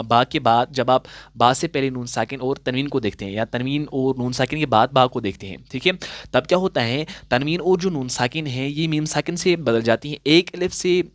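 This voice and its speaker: A male Quran recitation teacher with an Urdu-tinged Hindustani delivery, speaking at an ordinary middle pitch. He walks through the rules patiently, asking and answering his own questions and drawing out the example verses. The recording is dry and close, with no room echo. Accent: Urdu-inflected Hindustani. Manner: patient, asks questions and answers them himself. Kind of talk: classroom-style tajweed lesson.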